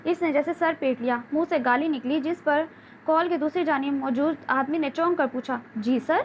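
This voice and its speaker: A woman narrating an audiobook novel in an even storytelling manner. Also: high-pitched. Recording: dull lo-fi with faint hiss.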